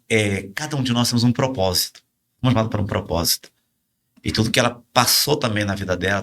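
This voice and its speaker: A man's voice: on the low side, fairly bright tone. A man with a Brazilian Portuguese accent, a pastor telling his testimony in a podcast conversation, emotional and acting out the quoted lines in a raised voice. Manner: emotional storytelling, acts out quoted dialogue in a raised voice.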